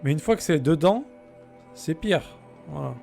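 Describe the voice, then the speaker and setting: Gravelly-voiced chatty man streaming a game. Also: a little high, lively intonation, measured pace, warm tone, faint music behind. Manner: chatty, jokey, answers chat messages. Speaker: let's play streamer. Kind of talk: casual gameplay chat with viewers.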